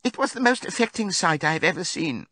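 An oily pig propagandist from a political animal fable, voiced by a man. He speaks high and slow, with sentimental, theatrical mourning and a declamatory swell. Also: expressive, sharp tone, no room sound, full character voice. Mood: mock mournful.

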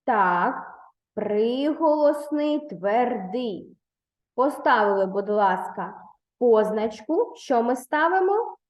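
A woman with a fairly high voice teaches young children at an unhurried, deliberate pace. She is patient and encouraging, praising answers and guiding pupils step by step. The recording carries a roomy echo. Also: lively intonation. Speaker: primary school teacher. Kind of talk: online lesson for third graders.

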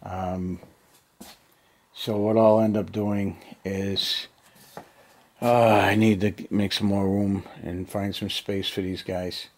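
A low-voiced American hobby vlogger thinks aloud in short, muttered, unscripted bursts, chatting casually to camera from a cluttered basement hobby room. His delivery is flat and slow, recorded on a handheld camera near arm's length with a little hiss or hum.

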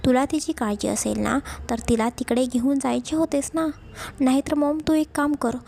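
Woman reading as a snappy stressed young husband, gravelly low tone, storybook. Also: steady tone, normal speed, a little mellow, slight background noise. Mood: irritated. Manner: short, snappish replies.

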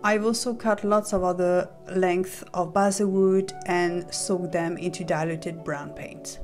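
A woman narrating a step-by-step model-making tutorial as a voice-over, calm and methodical as she explains each stage. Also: on the low side, takes it slowly, faint music behind. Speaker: model maker explaining her build.

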